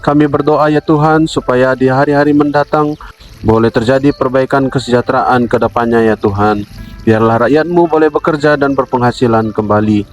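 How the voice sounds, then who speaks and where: A man's voice: mid-range voice, steady tone, faint music behind, poor audio. Solemn man leading a devotional. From Indonesia. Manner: solemn, measured, addresses listeners as brother. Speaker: devotional speaker.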